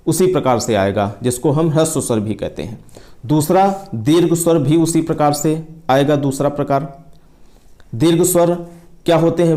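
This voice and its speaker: Man teaching slowly with a mellow voice. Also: a little high. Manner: explains step by step, repeats key terms, stretches vowels to demonstrate. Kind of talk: exam-prep lesson.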